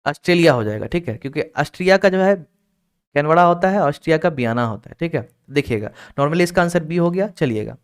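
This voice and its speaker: A man teaching an online exam-prep reasoning class, explaining each step and keeping students moving with quick check-ins. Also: on the high side, expressive, clean tone. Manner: explains step by step, keeps checking with "ठीक है?" and urging students to hurry. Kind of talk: recorded class lecture.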